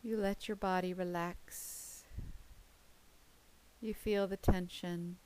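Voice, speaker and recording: A woman leading a guided visualization, speaking gently and deliberately in short phrases with pauses between them. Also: fairly low pitch, steady tone, clean tone, low-quality recording. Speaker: guided meditation leader. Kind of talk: guided visualization narration, second person.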